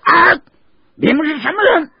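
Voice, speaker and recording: A man voicing a wary, stern male escort officer who scolds and shouts, on a dull, dry lo-fi recording. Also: sits high, sing-song, a little slow, creaky, husky, no echo, voice pushed up, heavily acted. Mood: alarmed.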